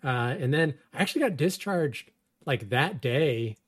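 A man's voice: mid-range voice, lively intonation, unhurried, a bit bright, slightly rough. A man in his thirties casually telling a personal story, wry and self-deprecating, laughing often. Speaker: storyteller guest.

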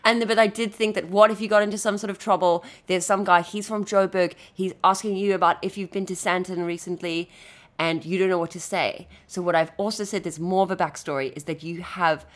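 A woman co-hosting a podcast in casual chat, teasing with a deadpan joking manner. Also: fairly low pitch, fairly quick. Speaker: podcast co-host.

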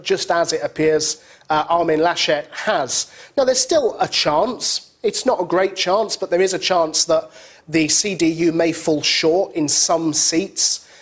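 A man giving studio political commentary, brisk and explanatory with a scornful edge. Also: a little high.

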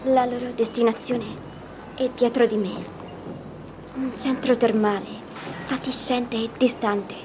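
A woman voicing a calm high-voiced young girl. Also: measured pace, long pauses, background noise, close to an everyday voice. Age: child figure. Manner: calm, hushed storytelling. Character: young girl Nessi, calm dreamer recounting nightmares. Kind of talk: audio drama acting.

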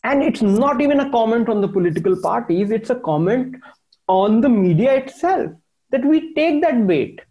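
A man with a North Indian accent speaks in a high-set voice with a mellow, relaxed tone. He answers conversationally, as in an interview. He stresses points by repeating phrases and mixes Hindi into his English. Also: moderate pace, poor audio. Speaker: interviewed journalist and author.

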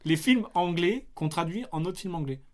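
A man's voice: high voice, lively intonation, moderate pace, a little mellow. A man hosting a casual film podcast, teasing and quizzing his co-host about movie titles. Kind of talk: casual film chat quiz.

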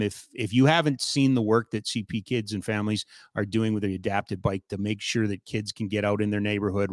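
A man's voice: fairly low pitch, no echo, studio quality. A man hosting a radio talk show, chatting casually with a guest and reading sponsor spots. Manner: joking, chatty, loose with fillers.

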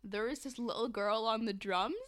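A woman co-hosting a podcast in casual chat, quick and rambling with many fillers. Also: fairly high pitch. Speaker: podcast co-host.

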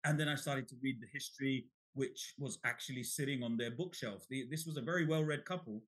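This middle-aged Bangladeshi man is a guest author being interviewed, and he tells his story with animation, frequently restarting and repeating words. His voice sits in the mid-range and he speaks fairly quickly.

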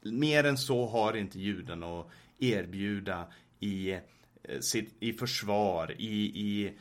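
A man with a Swedish accent teaching a sermon, reading scripture passages aloud and explaining them with frequent fillers and restarts. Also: on the low side. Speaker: preacher.

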